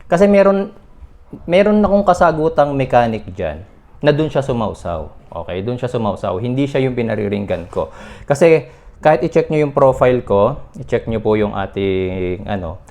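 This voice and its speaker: A man's voice: mid-range voice, sing-song, a little fast, darkish tone. A mechanic vlogger defending himself in a casual talk to his viewers. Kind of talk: casual vlog rant to viewers.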